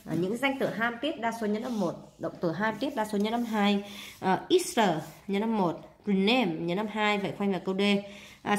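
A woman's voice: mid-range voice, echoey room. A woman teacher with a Vietnamese accent, talking her students through an English exam step by step, often repeating herself and saying "à". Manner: steady explaining, frequent fillers and repeats. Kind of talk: casual spoken exam walkthrough.

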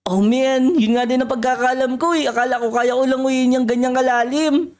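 A woman hosting a Minecraft role-play video, her voice high and bouncy. She gets excitable and keeps talking straight to her viewers while she plays. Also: moderate pace. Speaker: gaming YouTuber, host.

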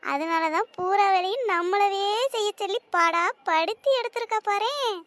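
A woman voicing a sharp-tongued, gossipy teenage sister, grumbling quickly and slyly. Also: extremely high pitch, no echo. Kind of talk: cartoon voice acting.

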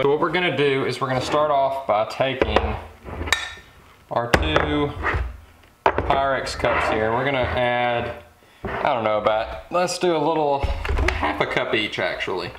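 A young man talks casually through a hands-on project, relaxed and chatty. His mid-pitched voice is picked up by the camera mic and rings around a bare garage, with steady noise behind him. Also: normal speed. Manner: relaxed, chatty, thinking aloud with fillers. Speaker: fishing channel host. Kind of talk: casual how-to vlog. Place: home garage workshop. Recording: echoey garage with background noise.

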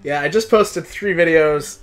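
A young video game streamer with a slightly high voice and measured pace gives viewers casual, slangy live commentary on his game. He shifts between exclaiming and muttering, with game music in the background.

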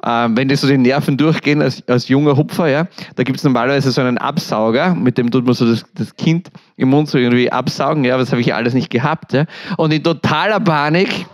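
A man with an Austrian German accent, giving a lively storytelling sermon at a church, acting out voices and laughing often. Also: medium pitch, brisk. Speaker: church speaker.

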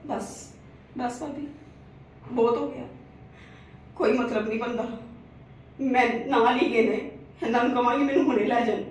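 A woman's voice: a little high, fairly even intonation, normal speed, long pauses. A woman acting in a family skit as a hurt sister, then earnestly advising viewers. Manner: pleading, then earnest advice. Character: hurt married sister visiting her brother's home. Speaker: channel host and actor. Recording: echoey room from far off, faint noise.

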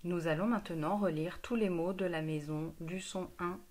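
A woman teacher giving a slow, patient phonics lesson to a young child, sounding out each word and syllable clearly. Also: lowish voice, steady tone, over loud music.

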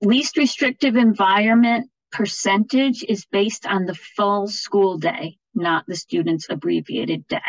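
A woman with a medium-pitched, steady voice presents slides at a measured pace, barely pausing, in an informal online training session for education officials. Her style is plain-spoken and explanatory, with regular check-ins with listeners. The recording is dry and muffled.

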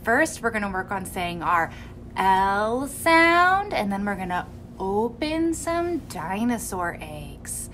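A young woman teaching small children speech in a playful, expressive way, modeling sounds and words slowly with exaggeration. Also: mid-range voice, a little hiss or hum. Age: young adult. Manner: animated, expressive, gasping in mock surprise. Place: small indoor room with curtain backdrop.

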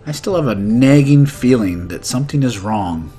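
A warm, mid-range male voice with lively intonation and a moderate pace leads an English lesson, with soft music in the background. The host, a teacher in his thirties, acts out skit dialogue and explains idioms.

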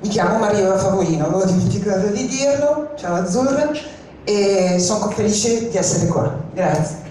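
A woman's voice: medium pitch, animated, moderate pace, mellow, a little hiss or hum. A woman introducing herself at a community event, chatty, with hesitant fillers, speaking into a handheld mic in a large hall. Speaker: audience member introducing herself. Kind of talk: spontaneous self-introduction. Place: large open hall with glass walls. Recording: very echoey hall, mic far off.

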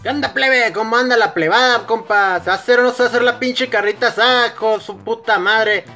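A man's voice: very high-pitched, fast, bright, forceful tone, faint music behind, voice pushed up. A man putting on an exaggerated northern Mexican accent to play a rowdy, brash, swearing macho ranchero.

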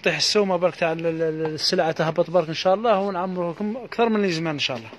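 A man with an Algerian accent giving a live sales pitch for housewares, reeling off prices in a quick patter full of repeated blessings. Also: a little hiss or hum. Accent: Algerian Arabic. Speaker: housewares shop seller.

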